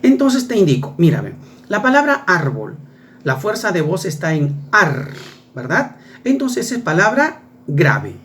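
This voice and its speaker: Animated man teaching a lesson. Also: high-pitched, measured pace. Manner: explains step by step with rhetorical questions. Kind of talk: verbal reasoning lesson. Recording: faint background noise.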